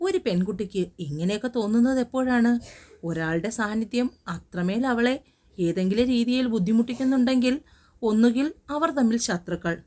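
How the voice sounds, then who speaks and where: A woman voicing a teasing, loyal young male best friend in an audio story, read in a mellow tone. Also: very high voice, fairly quick. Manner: playful, teasing.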